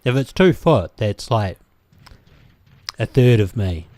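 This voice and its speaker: Speaking slowly in a lowish, darkish voice with lively intonation, a New Zealander rambles through casual commentary on his let's play. He hesitates between game moments, filling gaps with ums and restarting sentences, and the recording has no room sound.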